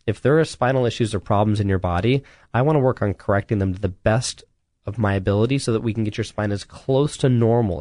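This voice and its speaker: A man's voice: on the low side, darkish tone, dry recording. A man, a chiropractor, hosting a solo radio health talk, speaking earnestly and urgently, often restarting his sentences and adding "you know".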